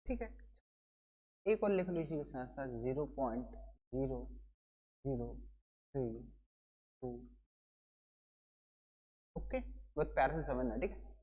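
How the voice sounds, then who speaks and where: A man's voice: medium pitch, big-room sound, muffled recording. A male teacher giving an exam coaching lesson, playful and chatty, who keeps calling his students brother and explains with wedding and party stories.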